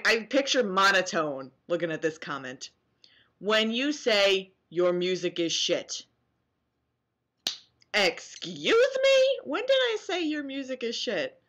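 A woman in her twenties vlogs to her webcam from a small, dim bedroom, her voice fairly low in pitch yet fairly bright in tone. She blends casual, sarcastic commentary with mock-dramatic, theatrical reading.

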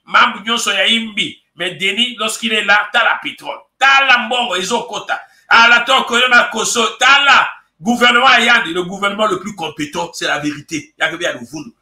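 A man's voice: sits high, roomy sound. A man hosting a morning show, chatting casually and teasing listeners while mixing in local words. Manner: animated, teasing, mixes French with local words. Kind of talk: casual radio chat.

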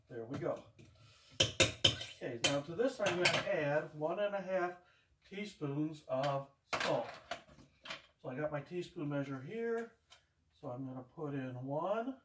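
Recorded by a camera across his echoey kitchen, an older home cooking vlogger sounds distant as he demonstrates a dish casually. His voice is on the high side against a noisy background, and he drifts into rambling homespun stories while he cooks.

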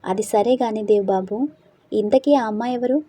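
Nosy older housekeeper, prying questions, dark husky voice as a woman narrator puts her on. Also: fairly high pitch, moderate pace, dry recording. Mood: curious. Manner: curious, questioning.

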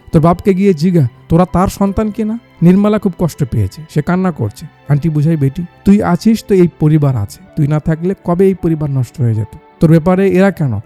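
A man's voice: a little high, warm tone. A man narrating a movie recap, voicing every character's lines himself.

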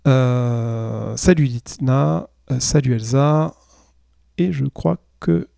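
Brief: male streamer, warm mellow voice, measured reading, loose filler-filled chat. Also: mid-range voice, gravelly, no echo, clean studio sound. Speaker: streamer and reader. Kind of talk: literary reading, then casual stream chat.

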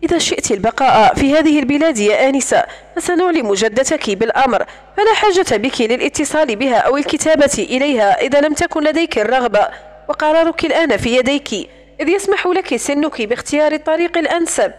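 Casting: a woman reading a serious, businesslike man, lightly voiced in a high register, storybook. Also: animated, fast talker. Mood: earnest. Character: composed man handling family affairs.

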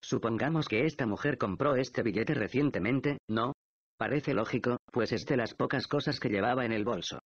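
A man's voice: mid-range voice, normal speed, no echo, natural voice. Víctor, an eager detective read by a man. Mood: reasoning. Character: male detective, thoughtful and excitable investigator. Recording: dull, dry lo-fi audiobook recording.

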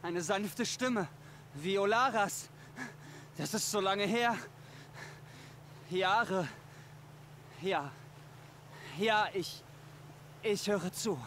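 An actor voicing a tormented man haunted by voices, speaking in a frantic, halting, desperate way in a video game. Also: high-pitched, fairly bright tone, slight background noise, exaggerated voice.

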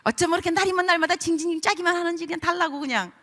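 A middle-aged woman pastor preaching a sermon, telling a story with lively acted-out voices and sudden outbursts. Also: very high-pitched, rapid-fire. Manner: animated storytelling, acting out voices.

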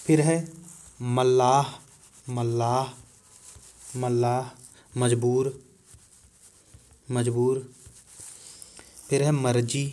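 Slow-paced male teacher repeating words. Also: mid-range voice, a little mellow. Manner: slow, repeats each word twice while writing on a board. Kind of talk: classroom lecture, reading out a word list.

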